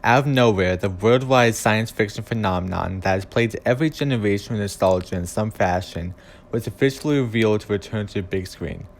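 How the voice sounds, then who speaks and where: Low-voiced man narrating a video essay. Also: fairly quick. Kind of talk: scripted commentary narration.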